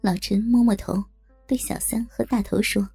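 A woman tells a first-person adult story in a husky, mellow voice, coy and teasing. Soft music plays faintly under her. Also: mid-range voice, fairly even intonation, normal speed. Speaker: narrator.

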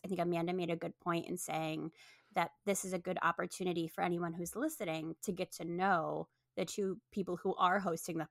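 A woman's voice: fairly low pitch, dry recording, studio quality. An American woman co-hosting a podcast, chatting casually and asking questions in a conversational way. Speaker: podcast co-host.

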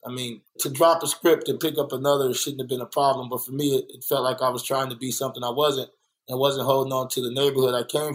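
A man's voice: medium pitch, poor audio. A man from Los Angeles, an artist guest in a casual interview, speaking candidly and telling stories from his life. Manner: candid, storytelling, animated when quoting others. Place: art workspace.

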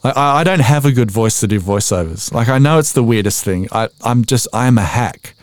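Talking a little fast, an expressive medium-pitched Australian voice-over artist in his forties spins self-deprecating stories as a podcast guest. He acts out the quotes as he goes, keeping things casual, and the recording has no echo.

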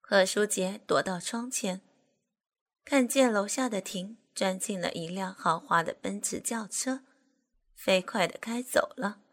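A woman narrating an audiobook with measured, unhurried storytelling. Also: medium pitch.

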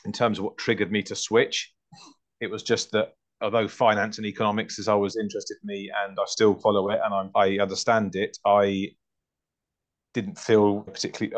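A man in his forties with an English home counties accent, answering interview questions conversationally and often rephrasing as he goes. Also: lowish voice. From southern England (north London and Hertfordshire). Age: 40s. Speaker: podcast guest, butcher and farm shop founder.

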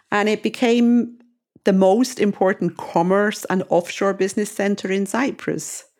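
A Swiss woman in her sixties hosts a podcast, narrating her memoir in a reflective, nostalgic way. Her voice is mid-range and a little mellow.

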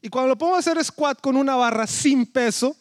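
A man's voice: very high-pitched, brisk, no room sound, studio quality. A man, a pastor preaching a sermon in a conversational storytelling way that keeps checking in with his listeners.

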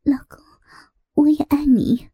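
A woman voicing a gentle, yearning young wife in a soft, breathy voice for a spoken story. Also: high voice, unhurried, no echo.

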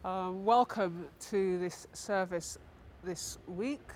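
A woman's voice: fairly low pitch, slow, darkish tone. A woman who is a vicar, giving a spoken welcome to a church service. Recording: faint background noise.

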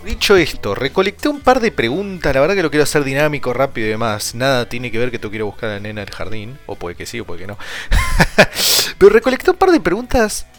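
A man's voice: mid-range voice, expressive, fast, few pauses, fairly bright tone, faint music behind. A man with an Argentine Spanish accent casually hosts a solo sports podcast, rambling and repeating himself, his mouth sore from a split lip and cut tongue. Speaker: podcast host.

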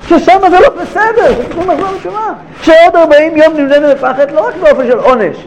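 Very high-voiced man teaching Torah. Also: slight background noise, poor audio. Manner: rhetorical questions, swings between hushed and emphatic.

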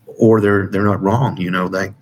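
Speaking low and level at a moderate pace, a male interview guest who served in the military shares his personal testimony. His delivery is informal, earnest and casual, and he returns to phrases he has already said.

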